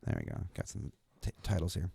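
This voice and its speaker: A man's voice: sits low, wildly swooping pitch, fairly quick, gravelly, dark tone, husky, dry recording. A man co-hosting a live podcast recap, chatting casually and repeating words while he sets up the stream. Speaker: podcast co-host.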